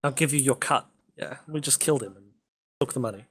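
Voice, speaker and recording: A man's voice: mid-range voice, fast talker. Rambling man on a gaming podcast. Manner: rambling, swearing, lots of ums. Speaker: podcast co-host. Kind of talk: casual gaming chat.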